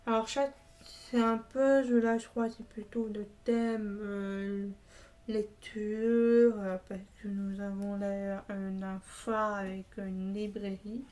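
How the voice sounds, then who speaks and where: A woman's voice: medium pitch, level tone, slow, a little mellow, rough recording. A woman talking through her finished puzzles in a casual vlog, hesitant, with many filler sounds and restarts. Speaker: puzzle vlogger.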